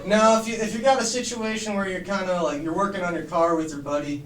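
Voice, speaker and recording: A man's voice: high voice, fairly even intonation, fast talker, a bit bright, a little hiss or hum. A man, co-hosting a live question-and-answer show, goofy and eager in his banter. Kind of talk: joking banter with an audience. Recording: echoey room, mic at a distance.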